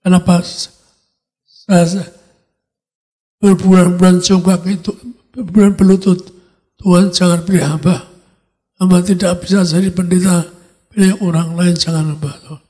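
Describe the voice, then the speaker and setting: A man's voice: high-pitched, level tone, unhurried, long pauses, mellow. An older man preaching a sermon as pastor, emphatic and repetitive, dropping in English words. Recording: live-streamed church service.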